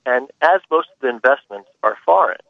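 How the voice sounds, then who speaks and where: A man's voice: medium pitch, animated, brisk, gravelly, no echo. A man calling in to a radio show over a phone line, asking curious follow-up questions. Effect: caller heard over a phone line. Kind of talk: call-in question.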